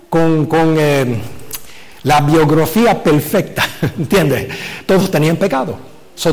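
A man preaching a sermon as pastor, animated and full of rhetorical questions, mixing in English filler words. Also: high voice, in a large hall. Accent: Puerto Rican Spanish from the US Northeast. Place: church sanctuary.

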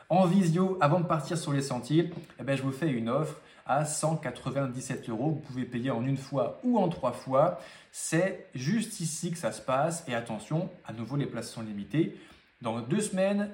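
Male hiking coach vlogger, friendly and enthusiastic, slightly high voice, echoey room. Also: a little mellow. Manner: enthusiastic, chatty, addresses viewers as friends. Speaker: hiking coach and channel host. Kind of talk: casual promotional vlog talk.

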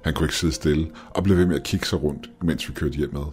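Very deep-voiced man telling a horror story. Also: darkish tone, soft background music. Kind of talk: scripted horror story narration.

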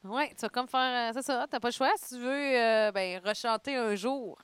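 A woman's voice: fairly high pitch, clean tone. A young woman with a Québécois accent chatting casually in a playful, teasing way. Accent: Québécois French. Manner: playful, teasing, quick laughs. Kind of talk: casual chat.

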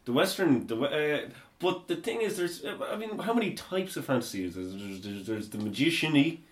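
Animated man telling a story. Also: fairly high pitch, a little fast. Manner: storytelling, laughs and mocking impressions. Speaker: podcast co-host. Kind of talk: casual chat.

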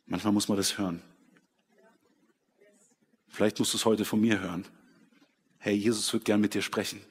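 A man preaching a sermon in a church hall, switching between dramatic scripture reading and quiet personal reflection. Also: lowish voice, level tone, normal speed, breathy edge. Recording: long hall reverb.

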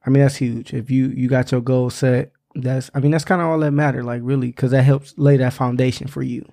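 A young American man hosting a casual chat, talking in relaxed, everyday slang. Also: medium pitch, fairly quick, creaky. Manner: slangy, conversational. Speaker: podcast host.

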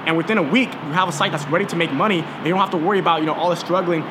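A man's voice: on the high side, racing, background noise. A nineteen-year-old man hosting a podcast in a casual monologue, hyped and salesy, swearing freely. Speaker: podcast host.

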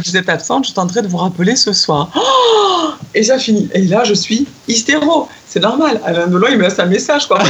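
Telling a personal story in a casual chat, an excitable middle-aged woman laughs often and brings quotes to life with lively acting. Her voice is mid-range, and the recording carries a slight hiss or hum.

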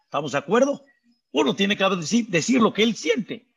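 Husky rabbi preaching. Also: male voice, high-pitched, normal speed. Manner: animated preaching with repeated rhetorical questions to the audience. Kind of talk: sermon.

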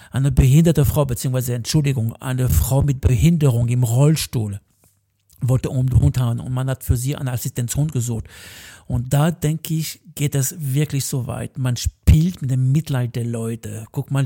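A man, a dog trainer hosting a podcast, giving opinionated commentary in a loose, halting way with sarcastic asides. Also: medium pitch, creaky, mellow, slightly rough. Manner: loose, halting phrasing with restarts. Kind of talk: casual spoken commentary.

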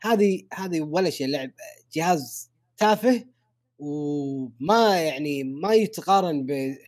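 A man's voice: fairly high pitch, lively intonation, measured pace, darkish tone. A man co-hosting a casual podcast, posing questions with a teasing manner. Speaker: podcast co-host.

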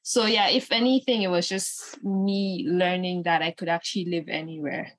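Young woman from Nigeria, interview guest; low, dry, chatty, full of "you know". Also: moderate pace, no room sound. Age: 20s. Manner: relaxed, many fillers like "you know". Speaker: entrepreneur guest. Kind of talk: casual interview answers.

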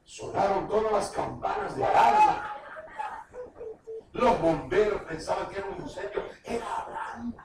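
High-pitched guy preaching, slow and fervent, shouts now and then, far off in a really echoey room. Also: lively intonation, vocal fry, noisy background. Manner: fervent preaching, reads scripture aloud with bursts of shouted emphasis. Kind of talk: sermon.

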